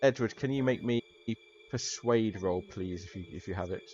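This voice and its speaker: A man's voice: lowish voice, moderate pace, darkish tone, a little hiss or hum. A man narrating a tabletop role-playing game as its game master. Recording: dull recording with background music.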